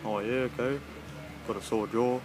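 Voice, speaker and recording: Man doing a gruff tough, silly redub. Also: mid-range voice, fairly even intonation, normal speed, noisy background, lightly acted. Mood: casual. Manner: curt, blunt. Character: gruff, dismissive tough street bloke. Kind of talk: silly mismatched comic redub of distant people.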